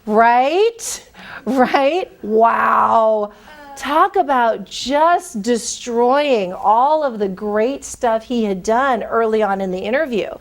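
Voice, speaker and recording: A woman's voice: a little high, expressive, takes it slowly. A woman recruiter giving career advice in a conversational, emphatic way, speaking directly to her listeners. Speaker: corporate recruiter.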